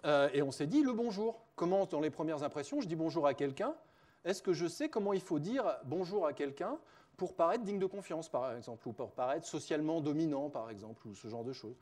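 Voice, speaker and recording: A man's voice: on the high side, lively intonation, fairly quick, a little mellow. A man giving a spontaneous conference lecture as a researcher, chatty, with frequent fillers, self-corrections and wry joking asides.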